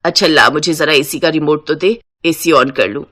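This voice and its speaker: Fussy cartoon mother-in-law put on by a woman, lower, bossy, whiny. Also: moderate pace, a bit bright, dry recording, studio quality.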